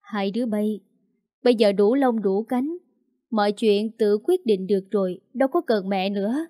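A woman's voice: mid-range voice, normal speed, dark tone, dry recording, clean studio sound, lightly acted. A woman voicing a frail older mother in a hospital bed who speaks weakly, choked and bitter.

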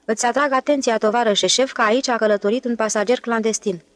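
A woman reading the part of an indignant male newspaper correspondent, in a squeaky, outraged way. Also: steady tone, no echo, natural voice.

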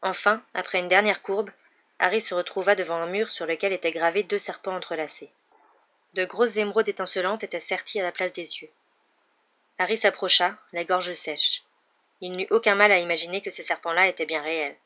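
This is scripted audiobook narration of a French novel, read at a steady, measured pace. The reader has a mid-range voice, and the sound quality is dull and lo-fi.

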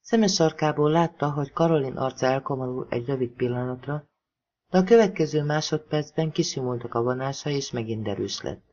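A narrator from Hungary reading a thriller novel aloud in an expressive audiobook style. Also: medium pitch, dull audio.

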